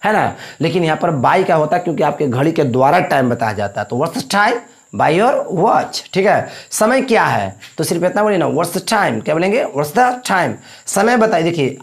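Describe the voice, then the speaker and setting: A man's voice: sits high, animated, fairly quick, hardly any pauses. A man teaching a spoken English lesson in Hindi. He explains step by step, repeats points and keeps checking in with his students. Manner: repetitive, explaining with frequent check-ins.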